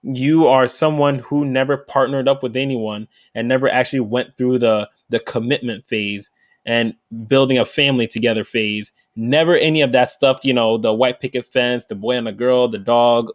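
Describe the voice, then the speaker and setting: A man speaking as a guest on a casual panel chat, earnestly explaining his point in quick runs. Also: medium pitch, no echo.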